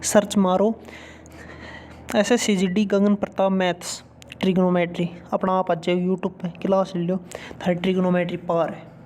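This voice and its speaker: A man's voice: high-pitched, little pitch movement, normal speed, darkish tone, slight background noise. A man giving blunt, colloquial exam-strategy advice as a coaching YouTuber. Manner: blunt, colloquial, keeps saying "bhai sahab".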